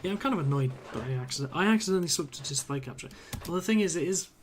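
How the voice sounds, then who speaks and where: There's background noise as this man, fairly high-pitched, animated and racing, streams a video game from a home computer room. His casual chatter wanders, heavy on fillers, with hesitant sentences that trail off midway, and his voice sounds a little worn from extended talking.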